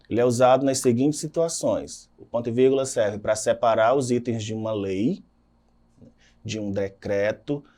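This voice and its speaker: A man's voice: medium pitch, warm tone. A man with a Brazilian Portuguese accent, teaching a recorded lesson and checking in with "tá?" and "né?" tags. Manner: explanatory, frequent "tá?" and "né?" tags.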